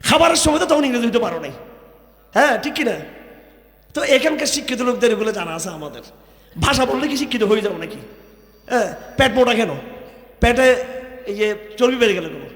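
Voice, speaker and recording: A man's voice: extremely high pitch, lively intonation, a little fast, long pauses, a bit bright. A man from Bangladesh preaching a sermon to a crowd, firing rhetorical questions and mocking. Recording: echoey hall with long reverb.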